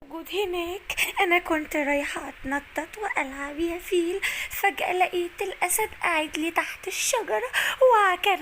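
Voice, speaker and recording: Woman plays timid young giraffe girl, Egyptian accent, very high, shrill-bright, pleading. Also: a little hiss or hum. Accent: Egyptian Arabic. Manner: pleading, panicky calling out. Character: timid young female giraffe, easily frightened. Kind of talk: storybook acting.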